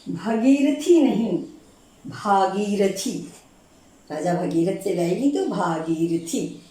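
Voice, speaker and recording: A woman teacher giving a grammar lesson for exam preparation, patiently repeating each word slowly so students catch the correct form. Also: mid-range voice, warm tone. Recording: very echoey room.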